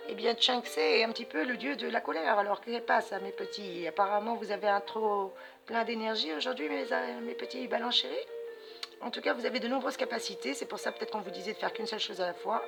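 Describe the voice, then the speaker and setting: A woman's voice: fairly high pitch, fast talker, creaky. A woman hosting a card-reading channel, giving spiritual guidance to viewers in a chatty, affectionate way, calling them sweet pet names. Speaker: astrology and tarot channel host. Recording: music playing behind voice.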